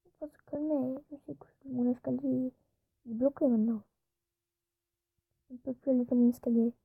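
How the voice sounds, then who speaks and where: Woman with a husky, tinny-sounding voice. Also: sits high, steady tone, moderate pace, no echo. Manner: chatty, drops into whispered asides. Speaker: YouTuber. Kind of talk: casual gameplay commentary. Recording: tinny phone-like recording.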